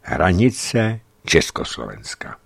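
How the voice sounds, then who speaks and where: A man reads a travel account aloud with a very deep voice and wide, lively shifts in intonation. His delivery is measured, and he adds vivid emphasis at key moments of the story. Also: vocal fry, slightly rough. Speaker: narrator. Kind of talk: scripted narration of a travel account.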